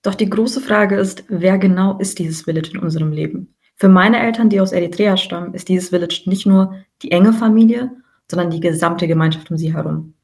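A woman in her twenties co-hosting a podcast, talking in a relaxed, reflective way and explaining ideas at length. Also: on the low side, brisk. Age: 20s. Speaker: podcast co-host. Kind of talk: casual podcast conversation.

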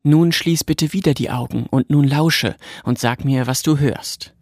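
A man reading aloud, voicing a calm, patient old woman storyteller in a quiet, measured way. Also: a little high, no echo, studio quality.

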